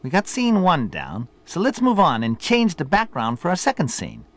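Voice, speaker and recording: A promo video features an actor as a teasing, boastful middle-aged boss bossing around his apprentice in scripted dialogue. He speaks at a moderate pace in a slightly high voice with wildly swooping pitch, and there is noise in the background.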